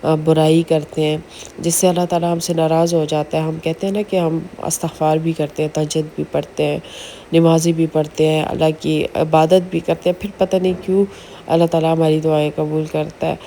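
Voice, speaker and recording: A woman vlogging in a chatty, earnest way about faith, with many pauses and fillers. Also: low-pitched, little pitch movement, warm tone, a little hiss or hum. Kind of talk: casual religious advice vlog.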